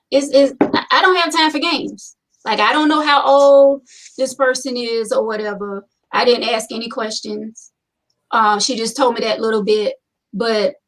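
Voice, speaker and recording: A chatty woman hosts a casual talk show with a fairly high voice. She is opinionated and leans on repetition to make her point. Her voice sounds a little distant from the microphone. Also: a bit bright. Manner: chatty, opinionated, repeats herself for emphasis. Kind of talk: casual chat.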